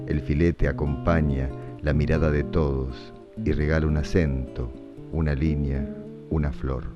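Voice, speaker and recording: Very low male narrator, lyrical scripted reading over guitar, lo-fi sound. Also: fairly even intonation, a little slow. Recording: dull lo-fi audio over guitar music.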